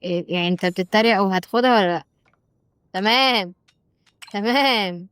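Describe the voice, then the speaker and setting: A woman's voice: mid-range voice, brisk, a bit bright, smooth, no room sound, studio quality. A woman with an Egyptian accent giving casual let's-play commentary, chatty and exclaiming, bantering with game characters. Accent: Egyptian Arabic. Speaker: gaming YouTuber.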